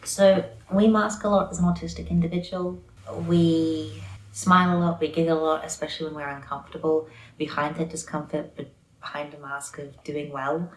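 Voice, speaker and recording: A woman answering an interview question in a measured, earnest way, her phrases trailing off softly. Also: deep voice, little pitch movement, slight background noise. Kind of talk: personal reflection. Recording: echoey room.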